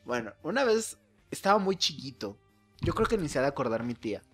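A man's voice: medium pitch, big pitch swings, brisk, a bit bright, husky, faint music behind. A young man from Mexico with a Mexican accent, co-hosting a podcast in casual, joking chat and laughing often. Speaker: podcast co-host.

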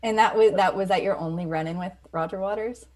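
A woman co-hosting a podcast, asking relaxed, conversational questions. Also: mid-range voice, fast talker. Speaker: podcast co-host. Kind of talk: casual chat.

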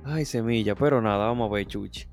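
A man's voice: on the low side, a little fast, faint music behind. A young man, co-hosting a casual podcast, joking and swearing freely. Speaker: podcast co-host, teacher.

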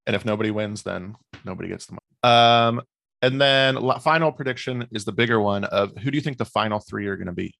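A man hosting a podcast in casual chat, leading segments in a brisk, organized way. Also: lowish voice, gravelly, fairly bright tone, dry recording. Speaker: podcast host running predictions.

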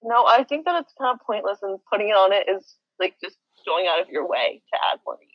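A woman's voice: mid-range voice, animated, fast, dry recording, dull audio. A young woman co-hosting a casual podcast chat, dramatic and easily upset by odd food. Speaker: podcast co-host.

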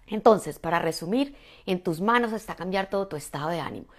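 Woman coach on stage, energetic and emphatic, speaks directly to you. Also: lowish voice, a little fast. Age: adult, mother. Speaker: motivational speaker. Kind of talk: motivational talk.

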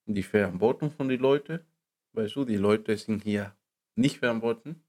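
Man speaking halting German. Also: lowish voice. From Dominican Republic. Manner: non-native German, halting broken grammar; laughs often, rises when animated. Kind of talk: casual chat.

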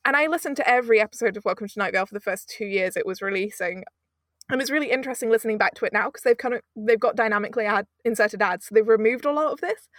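Speaking very fast in a slightly high voice, a British audio producer in her twenties chats casually as a guest in an interview, rambling and laughing often. The recording is dry and of studio quality.

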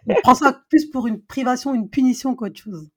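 A woman hosting a podcast in a casual interview chat, lively and quick to laugh when telling stories. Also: sits high, a loud crowd. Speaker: podcast host.

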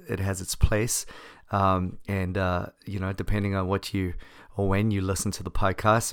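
Low, gravelly-voiced man hosting a podcast. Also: a bit bright, no room sound, studio quality. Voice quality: gravelly, husky from laryngitis. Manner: self-deprecating, wry asides. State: hoarse from laryngitis. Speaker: podcast host. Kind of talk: casual solo podcast talk.

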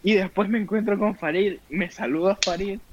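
A man's voice: high voice, moderate pace, a little hiss or hum. A young man, telling a rowdy story among friends and swearing casually. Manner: crude slang-heavy, animated retelling. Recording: dull lo-fi sound.

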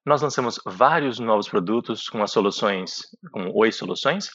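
A Brazilian man interpreting a business presentation live, with halting phrasing. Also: fairly low pitch, animated, fairly bright tone. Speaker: simultaneous interpreter for an executive. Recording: dull, echoey conference call audio.

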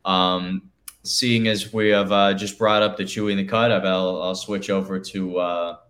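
A man's voice: deep voice, little pitch movement, a little slow, fairly bright tone. A man co-hosting a casual chat, talking in a loose, rambling way full of "you know". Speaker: podcast co-host. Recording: echoey room.

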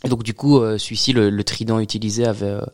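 A man's voice: fairly low pitch, level tone, fast talker. A man, a brewery guest on a podcast, explaining at length in casual talk, with many fillers and phrases ending in "quoi". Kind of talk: casual interview chat.

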